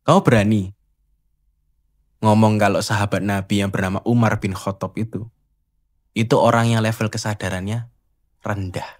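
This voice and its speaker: A man's voice: lowish voice, steady tone, normal speed, pauses often. Guy doing a laid-back spiritual talk, keeps poking at the listener with rhetorical questions. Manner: teasing, rhetorical, challenging the listener. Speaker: host. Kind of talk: casual spiritual monologue.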